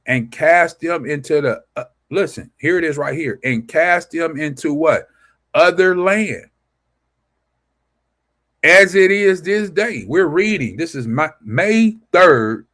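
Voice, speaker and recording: Speaking with a fairly high, somewhat bright voice, this man reads scripture to an online audience and preaches in a relaxed way. As a scripture teacher on a casual study livestream, he asks rhetorical questions and then answers them.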